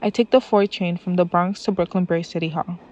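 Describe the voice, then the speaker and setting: A teenage girl reading a scripted personal essay in a calm, reflective voice. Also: lowish voice, a little fast. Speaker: student reporter. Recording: dull lo-fi audio with faint music.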